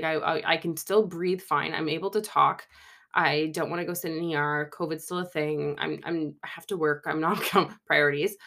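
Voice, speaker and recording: Chatty, self-mocking woman with a lowish voice. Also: fairly bright tone. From Canada. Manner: chatty, self-mocking, laughs mid-sentence. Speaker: podcast host. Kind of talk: casual storytelling monologue.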